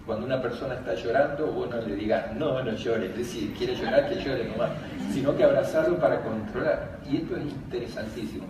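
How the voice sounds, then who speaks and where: A man's voice: medium pitch, brisk. Older Argentine man speaking in an echoey hall. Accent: Argentine Spanish. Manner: anecdotal and jokey, laughing as he tells stories. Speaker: speaker on emotional education, former teacher. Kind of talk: conference talk. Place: large conference hall. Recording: very echoey hall, distant, background noise.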